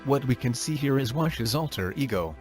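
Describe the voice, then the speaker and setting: Robot tts guy narrating, flat mock-serious delivery, middle pitch, bit of music under it. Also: normal speed. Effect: robotic text-to-speech voice. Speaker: narrator of a fan-made conspiracy video. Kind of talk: scripted narration.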